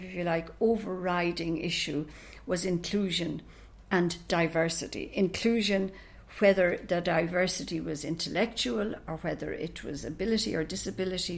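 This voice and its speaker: An older Irish woman, a retired professor whose first language is Irish, answers interview questions thoughtfully and without hurry, explaining as she goes. Her voice is fairly low and creaky, with an Irish accent.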